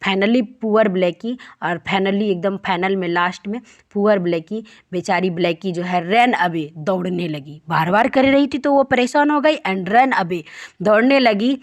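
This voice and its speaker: A woman teaching English, reading a children's story line by line and explaining each phrase. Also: mid-range voice. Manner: reads English lines slowly, then explains in quick Hindi.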